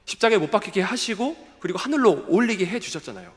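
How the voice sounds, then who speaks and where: A male pastor delivering a sermon to a youth service, keeping it conversational with plenty of rhetorical questions. His voice sits high and swings widely in pitch. It rings with long reverb from a church sanctuary. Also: sing-song, quick pace. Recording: echoey church hall.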